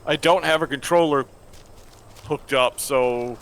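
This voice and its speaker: A man chatting casually as he plays a game, with halting, restarted sentences. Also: medium pitch, fairly bright tone. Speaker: gamer. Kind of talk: casual gaming chat. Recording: faint noise behind voice.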